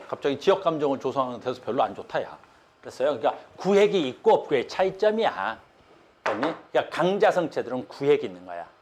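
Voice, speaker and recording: A male physics teacher lecturing a class, stopping again and again to check that students follow. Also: a little hiss or hum. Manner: keeps checking understanding with short questions; lively, swings between loud stresses and low mutters.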